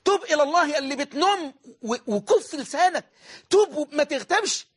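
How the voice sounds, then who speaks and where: A man's voice: very high voice, animated, fairly quick. A man with an Egyptian Arabic accent preaching a religious sermon, emphatic and repeating phrases for stress.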